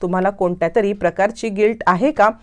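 A woman's voice: medium pitch, steady tone, fairly quick, close to an everyday voice. A woman voicing a stern elderly male head of the family who lectures firmly.

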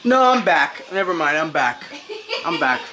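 A man in his thirties, a family vlogger, chats casually and unhurriedly to a handheld camera held at arm's length in his kitchen and bedroom, rambling, teasing and swearing often. His voice is a little high and very animated, with music playing underneath. The home camera audio is noisy.

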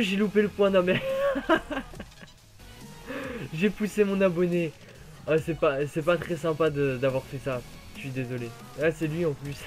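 A man giving jokey, excitable play-by-play of a racing game, his voice worn from being ill. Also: on the high side. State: voice worn from illness. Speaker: gaming YouTuber.

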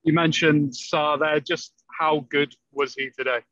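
Brisk journalist, slightly high flat voice. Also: male voice, dry recording, muffled recording. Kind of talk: press conference questions. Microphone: video call.

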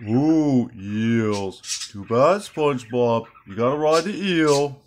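A woman voicing an excitable, gloating, dim-witted cartoon starfish man in an overacted, exclamatory fan dub. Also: a bass voice, full character voice. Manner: overacted, exclamatory, drawn-out delivery. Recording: home recording with clear background noise.

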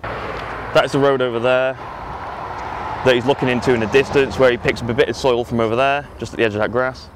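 Speaking a little fast in a steady, medium-pitched voice broken by long pauses, a young British vlogger chats casually on a road trip. The dashboard action camera in his moving or parked car records road and car noise too.

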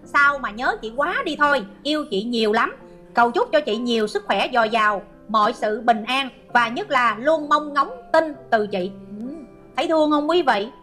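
A woman's voice: on the high side, normal speed, bright, forceful tone, faint music behind. A middle-aged woman hosting an online commentary show, reading out viewer comments and scolding a hater with sarcasm.

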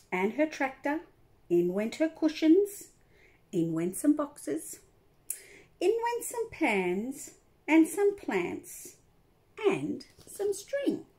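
A woman's voice: high-pitched, big pitch swings, slow, warm tone. An older woman reading a picture book aloud to children, stopping to talk about the pictures. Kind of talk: storybook read-aloud to children.

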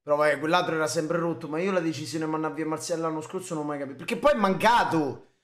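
A young man, a fan streamer reacting live to a match, emotional and swearing, repeating his shouts. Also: fairly high pitch, fast talker. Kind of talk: excited live match commentary.

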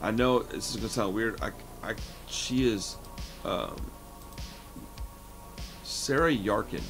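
A man's voice: lowish voice, takes it slowly, music in the background. A man in his late thirties giving a casual, chatty horror movie review from his home, often calling the listener "man". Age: 30s. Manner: relaxed and chatty, says "man" a lot. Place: home room lined with shelves of records and films.

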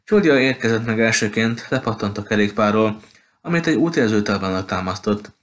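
Guy with a lowish voice reading a book out loud, steady, stumbles now and then. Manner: steady reading with occasional slips and restarts. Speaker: audiobook reader. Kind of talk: reading a novel aloud.

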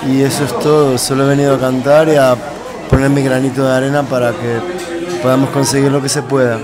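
A man's voice: mid-range voice, little pitch movement, fairly quick, over music. A man, a musician interviewed in a small café venue, giving modest, brief answers into a handheld mic. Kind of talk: casual interview.

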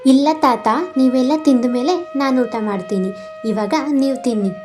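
A woman's voice: high-pitched, normal speed, a little mellow, soft background music, close to an everyday voice. A woman voicing a poor, kind young mother in a cartoon, polite and earnest. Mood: gentle.

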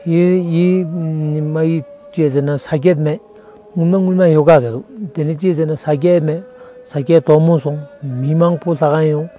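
A man's voice: a little high, steady tone, very fast, warm tone, soft background music. A middle-aged monk telling the history of his monastery in an outdoor interview, recorded on a lapel mic. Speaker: senior lama of the monastery.

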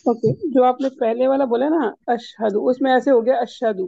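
A woman with a fairly high but mellow voice teaches a recitation class, patiently correcting pronunciation point by point. The sound is dry and a little muffled, as on an online call. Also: fairly even intonation, vocal fry, no room sound.

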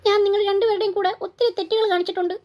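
A tearful older mother-in-law in a cartoon, voiced by a woman, wailing over her mistakes and pleading for forgiveness. The voice sits extremely high and thin, almost childlike. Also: fairly even intonation, racing, a little mellow. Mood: remorseful. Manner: lamenting, repeated cries of dismay. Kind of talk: cartoon voice acting.

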